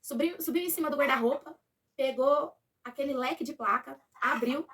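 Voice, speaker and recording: A Brazilian woman telling a personal story to her viewers in a casual, animated way, acting out what others said. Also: high-pitched, normal speed, distant mic.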